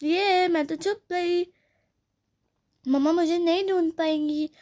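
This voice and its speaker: Scheming little tattletale doll, played by a woman, high mellow voice, plotting to herself. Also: steady tone, slow pace. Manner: scheming, whispers asides to herself. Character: sneaky tattletale girl doll. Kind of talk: doll play storytelling.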